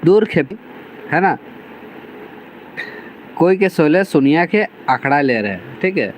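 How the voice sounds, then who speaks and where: A man's voice: a little high, sing-song, measured pace, a little hiss or hum, poor audio. A man, teaching a class by reading lines from a novel and explaining each one in plain words. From Jharkhand, India. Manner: reads dialect lines aloud, then restates them plainly with many 'theek hai' fillers.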